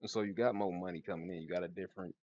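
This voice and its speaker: A man reads tarot in a low-pitched voice over background music. His speech is informal and slangy, with a slight slur and lisp from the retainer in his mouth. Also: fairly even intonation, rapid-fire, darkish tone, highs cut off. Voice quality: slightly slurred, lisping speech from wearing a retainer. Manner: informal, slangy, laid-back. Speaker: tarot reader. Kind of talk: casual tarot card reading.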